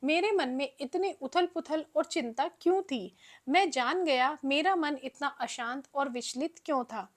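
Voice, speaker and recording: A humbled young prince opens up in earnest, confessional words, as a woman narrator reads him in her own high voice. The storybook telling stays plain and steady. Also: unhurried. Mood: earnest reflective.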